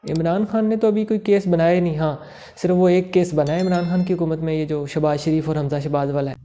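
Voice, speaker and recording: A man hosting his own channel, giving political commentary in a measured, steady delivery. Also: on the high side. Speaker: YouTube channel host.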